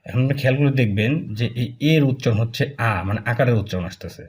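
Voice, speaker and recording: A man, teaching a casual language lesson, talking slowly and repeating filler words as he writes strokes. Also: medium pitch, darkish tone, husky. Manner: slow, repetitive, with many fillers while drawing strokes. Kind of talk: casual spoken lesson, explaining while writing.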